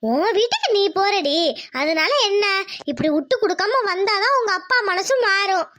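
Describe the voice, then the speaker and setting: A woman's voice: very high voice, normal speed, sharp tone, a little hiss or hum. A woman voicing a bossy older village woman in a cartoon, scolding and coaxing.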